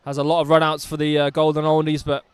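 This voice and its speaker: A man's voice: on the high side, monotone, fast, smooth, no room sound. A man doing live rugby commentary outdoors, chatty and enthusiastic with jokey asides.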